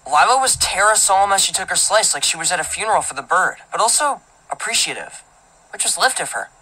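A woman's voice: on the low side, expressive, brisk, pushed and bright, rough recording. A woman narrating a teenage boy's first-person story as an audiobook, in a casual, filler-filled, indignant manner. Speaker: audiobook reader.

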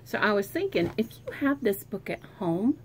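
A woman, a preschool teacher, reads a picture book aloud to young children. She is animated and expressive, with a mid-range voice and hushed asides. The sound comes from a phone camera. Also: medium pitch, normal speed, slight background noise.

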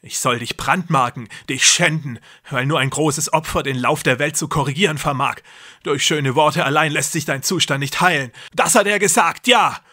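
A man voicing a cruel, deluded young man who believes he is a god, speaking loudly and feverishly. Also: on the high side, moderate pace, voice pushed up. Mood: raving menacing. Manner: loud, intense, feverish delivery.

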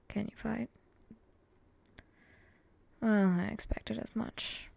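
Woman as guarded, vengeful samurai for ASMR role-play: slow, gravelly, mellow, curt and deadpan. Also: medium pitch, exaggerated voice. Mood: bargaining, calm. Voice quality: breathy, often dropping in a soft voice.

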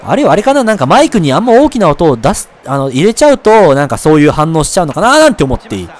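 A man narrates his baseball video game, and his voice climbs high and swings widely with every pitch. He yells when plays go his way or against him, then drops into low, quick asides. He keeps a polite tone with his viewers. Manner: excitable, shouts at big plays, mutters asides; polite to viewers, apologizes for loud outbursts. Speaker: let's play commentator. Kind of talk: excited gameplay commentary.

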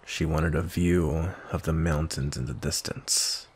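In a roleplay ASMR, a man voices a grumpy, cold and commanding vampire knight with a very deep, darkish, husky and gravelly tone. His intonation stays fairly even as he speaks in a stern, measured way.

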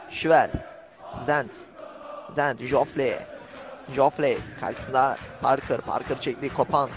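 A man giving fast play-by-play commentary on an online football match, calling out names and rising to shouts at key moments. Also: fairly high pitch, slight background noise. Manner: rapid calling of player names, bursts of shouting.

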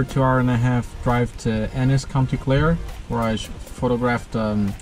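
A man's voice: mid-range voice, darkish tone. A man in his thirties chatting casually to camera as a vlogging photographer, recorded inside a car in the rain. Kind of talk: casual vlog talk to camera. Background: rain on the car, music.

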